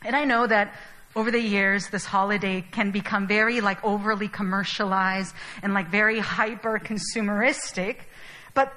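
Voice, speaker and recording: A woman's voice: medium pitch, fairly even intonation, normal speed, pushed and bright, rough recording. A young adult woman from Chile giving a sermon in a casual, chatty way, with many fillers. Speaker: preacher.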